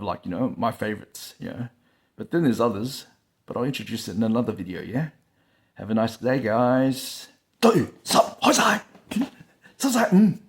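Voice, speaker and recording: Here a man with a fairly low, darkish voice hosts his own vlog, chatting to a phone set on a stand. The talk is casual and rambling, full of "like, you know" fillers, and he laughs often.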